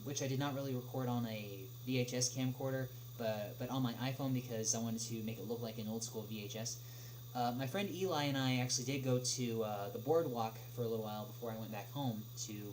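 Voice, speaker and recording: A man casually hosts a livestream, answering questions in a medium-pitched voice. He speaks hesitantly and stop-start, leaving long pauses between phrases. The noisy livestream audio has a clear, noticeable hum running throughout.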